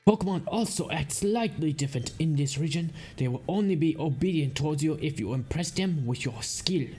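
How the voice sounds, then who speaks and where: A man's voice: on the high side, expressive, a little fast, warm tone, breathy edge, soft background music. Man doing a genial ship captain with an accent. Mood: welcoming formal. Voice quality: put-on accent. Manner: formal, teasing, welcoming. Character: genial formal male ship captain, older. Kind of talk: reading game dialogue aloud.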